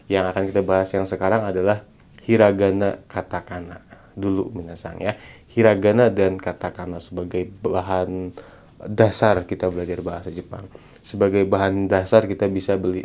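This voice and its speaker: A man giving a casual video language lesson, chatty and friendly, slowing down to spell out sounds syllable by syllable. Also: sits low, warm tone. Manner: chatty, repeats a friendly term of address, slows down to spell out sounds. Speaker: Japanese language teacher.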